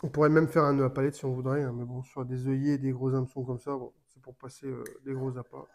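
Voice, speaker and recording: A fishing tutorial maker casually explains how to set up a fishing rig while working with his hands. His mid-range voice is darkish and moves little in pitch, and he pauses often, with fillers and restarts.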